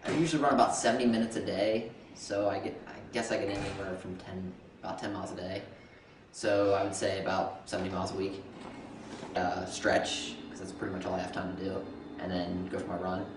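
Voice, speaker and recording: A man in his twenties, a college runner, talking in a relaxed, plain-spoken way with fillers in a documentary interview. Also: deep voice, a little fast, distant mic, background noise. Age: 20s. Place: campus location. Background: music.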